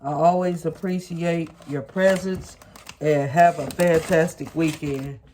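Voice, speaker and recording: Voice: mid-range voice, steady tone, unhurried, a little mellow, a little hiss or hum. A plant vlogger with a stuffy, blocked-nose voice, casually explaining things step by step to viewers in a folksy way. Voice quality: stuffy, congested nasal voice. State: congested after sinus surgery. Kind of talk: casual hands-on demonstration to viewers. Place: home kitchen at the counter.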